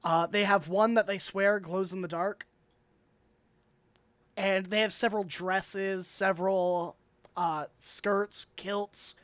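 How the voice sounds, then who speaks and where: A woman's voice: mid-range voice, steady tone, slow, dry recording, muffled recording. Woman narrating a tabletop game. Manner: casual descriptive narration with many fillers. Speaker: game master.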